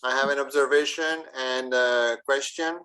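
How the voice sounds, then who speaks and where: A man volunteering as an usher, asking wry, deliberate questions in a casual meeting. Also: medium pitch, fairly even intonation, sharp tone, clean tone, poor audio. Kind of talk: casual Q&A on a video call.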